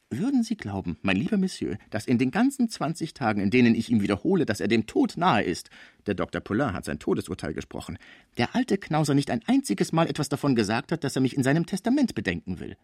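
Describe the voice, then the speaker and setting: A man's voice: lowish voice, no room sound, clean studio sound. A man voicing a scheming middle-aged concierge woman who nurses the sick, overwrought and indignant as she protests her honesty.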